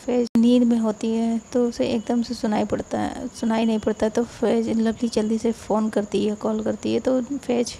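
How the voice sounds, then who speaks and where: A woman's voice: fairly high pitch, little pitch movement, moderate pace, gravelly, hardly any pauses, dark tone, slight background noise. A woman narrating a romance story in a casual, conversational way, often repeating and restarting phrases.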